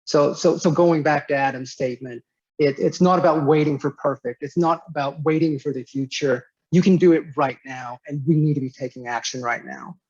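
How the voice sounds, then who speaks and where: A man in his fifties from Nevada, giving an online business presentation as a guest speaker and company director, with measured pacing, frequent "uh" fillers and repeated words. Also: a little high, darkish tone, no echo, lo-fi sound. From United States, Nevada.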